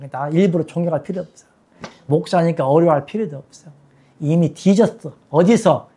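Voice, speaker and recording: A male pastor preaching a sermon in a blunt, scolding way with rough slang and jokes, leading his congregation in call-and-response. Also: fairly high pitch, normal speed, mellow, slight background noise. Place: church service with a congregation.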